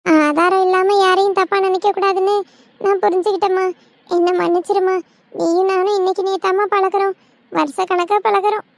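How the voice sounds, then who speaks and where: A woman voicing a loud, quarrelsome village wife in a cartoon. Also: flat delivery, brisk, no room sound. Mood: apologetic. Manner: scolding, shrill.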